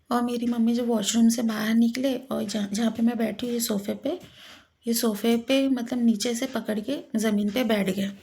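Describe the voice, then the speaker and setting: Gravelly woman telling a personal story. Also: fairly high pitch, darkish tone. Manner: emotional, halting retelling with repeats. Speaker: vlogger.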